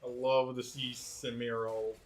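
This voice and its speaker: A man's voice: medium pitch, flat delivery, a little slow, background noise. A man co-commentating live on a video game match in a casual, reactive way with lots of interjections. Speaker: esports co-commentator.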